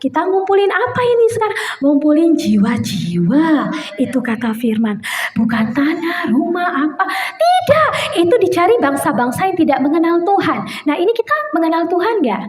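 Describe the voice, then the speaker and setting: High-voiced woman preaching. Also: moderate pace. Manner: animated storytelling, acting out quotes. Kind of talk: sermon.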